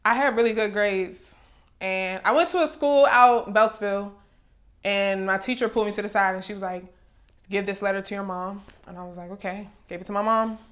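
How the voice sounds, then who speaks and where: A woman's voice: mid-range voice, brisk. A woman in her twenties from Maryland, a music artist relaxing into an interview chat in a recording studio and telling her stories with easy laughs. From Maryland, USA. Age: 20s. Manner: relaxed storyteller, laughs easily.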